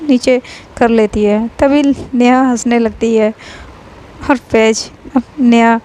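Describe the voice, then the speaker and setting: A woman narrating a romance story in a casual, unhurried way, pausing often. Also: a little high, fairly even intonation, mellow, low-quality recording. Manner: plain, unhurried retelling with pauses.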